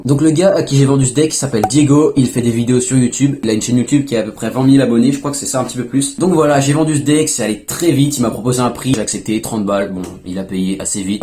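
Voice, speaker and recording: A young man casually telling a story to his vlog audience, chatty, with quick asides to himself. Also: mid-range voice, mellow, a little hiss or hum. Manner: fast, chatty, self-talk asides. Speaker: fingerboard YouTuber.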